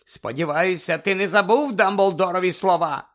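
A man voicing a worried, strict middle-aged mother who nearly shouts in her arguments. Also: moderate pace. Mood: agitated. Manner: shrill, pleading, nearly shouting.

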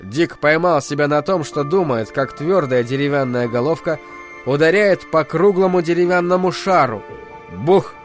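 A man reading a novel aloud as narrator, with measured, expressive storytelling. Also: on the high side, soft background music. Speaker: audiobook narrator. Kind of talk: scripted narration.

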